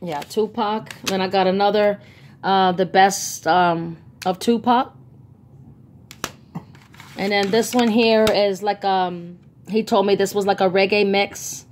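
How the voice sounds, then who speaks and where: A female vlogger films a casual haul video on a phone she holds herself, chatty and gushing about her bargain finds with plenty of ums. Her mid-range voice is slow, steady and a little mellow, with slight background noise.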